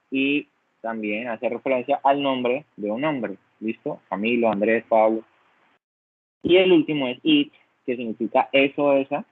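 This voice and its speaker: A man's voice: mid-range voice, dry recording. A man teaching an English lesson online, patiently explaining step by step and checking in constantly. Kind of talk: online class lecture. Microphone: computer mic on a video call. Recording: dry, phone-like online call audio.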